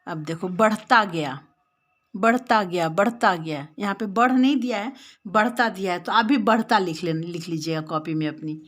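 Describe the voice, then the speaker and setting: A woman's voice: fairly low pitch, moderate pace. Patient Indian woman teaching children. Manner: patient, explaining step by step and repeating words; addresses the children directly. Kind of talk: Hindi lesson for young children.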